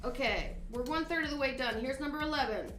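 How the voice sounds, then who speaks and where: Reading trivia questions aloud on a casual live stream, this woman then trades giggly, chatty banter with her co-host. Her voice sits high and is fairly bright, and she moves at a quick pace. Faint music plays in an echoey room.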